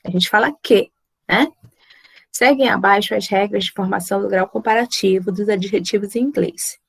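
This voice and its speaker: Woman teacher with gravelly, dry voice. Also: medium pitch, normal speed, dry recording. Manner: patient, repeats points with checking tags. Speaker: English teacher. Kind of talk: explaining grammar to students.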